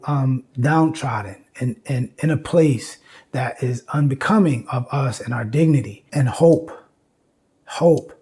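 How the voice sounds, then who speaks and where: An American man in his fifties hosts a video essay, offering informal educational commentary with emphasis and repeated phrases to drive his points home. His voice is a little high and mellow, with a breathy edge.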